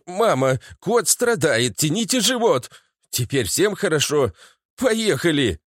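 An irritable, blunt family man at the wheel, voiced by a man reading an audiobook, terse and exasperated. The voice sits fairly high and the sound is dry and close. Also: big pitch swings, takes it slowly, no room sound, exaggerated voice.

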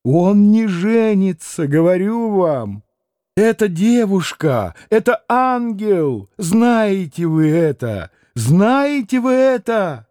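A man's voice: a little high, animated, unhurried, dark tone, no echo, clean studio sound. A man reading an audiobook voices a proud, anguished young noblewoman who pleads and exclaims passionately. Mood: fervent. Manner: impassioned, pleading, rising to exclamations.

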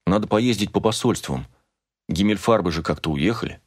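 A man reading the lines of a calm, quiet wife who speaks evenly and matter-of-factly. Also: sits low, brisk, no room sound, clean studio sound. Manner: quiet, even, matter-of-fact.

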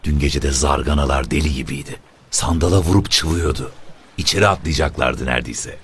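A man voicing a quiet deckhand, measured as he recounts. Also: extremely low pitch, breathy edge, full character voice. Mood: musing. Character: quiet deckhand, observant and talkative about the sea.

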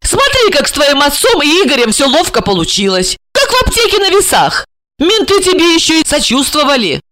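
A woman voices a greedy young woman in an audiobook, pitched very high and shrill. She nags and threatens in a slangy, demanding way, her voice leaping around. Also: huge pitch swings, a little fast, a bit bright, slight background noise, exaggerated voice. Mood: pushy. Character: brash, greedy young woman, impatient schemer. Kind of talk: audiobook character voice.

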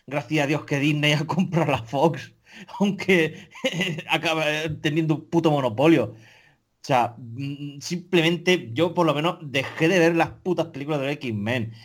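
A man's voice: fairly high pitch, measured pace. A man, a podcast co-host ranting in casual chat, profane and exasperated, full of restarts.

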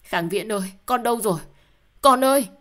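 A woman's voice: medium pitch, takes it slowly, slightly rough. Woman voicing a frantic, tearful young mother. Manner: pleading, cries out.

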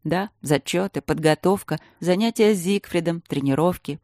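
A woman's voice: fairly low pitch, normal speed, a little mellow, no room sound, clean studio sound, natural voice. A woman reading an audiobook voices a young princess, an eager, bubbly younger sister who pleads breathlessly.

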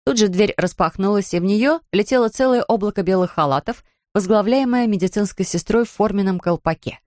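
A woman narrating a storybook reading, steady and expressive. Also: mid-range voice, brisk, no room sound, studio quality.

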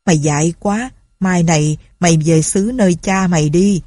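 A woman's voice: fairly low pitch, moderate pace, mellow, no room sound, clean studio sound, natural voice. A woman voicing a drunk, grieving young man. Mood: bitter. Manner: slurred drunken ranting. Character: drunk grief-stricken young man, bitter and harsh.

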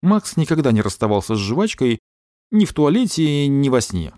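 A man narrating an audiobook in an expressive storytelling way. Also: medium pitch, moderate pace, no room sound, studio quality. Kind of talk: scripted narration.

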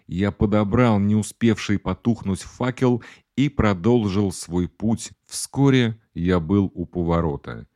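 A man narrating an audiobook in the first person, with a dramatic, measured way of telling the story. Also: on the low side, darkish tone, no echo, studio quality.

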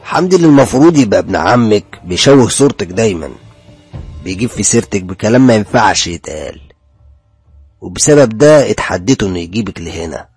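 A sly young man with a deep, gravelly Egyptian voice, as a storyteller puts him on. He talks slowly and smoothly, half teasing, half pleading, over faint music in a horror tale. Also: darkish tone, no room sound. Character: sly young man, the cousin's mocking friend.

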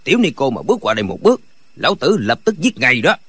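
Điền Bá Quang, a man doing a husky blustering bandit. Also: medium pitch, big pitch swings, a little fast, bright, forceful tone, full character voice. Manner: gruff and blustering. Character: blustering notorious male bandit.

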